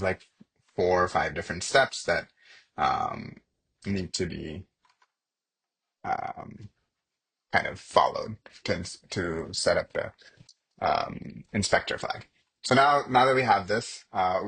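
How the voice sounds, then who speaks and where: A man with a somewhat low, husky voice walks through a software demo on his screen. His delivery is relaxed and conversational, as if he is thinking aloud while clicking through each step. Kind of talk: casual screen-share product demo.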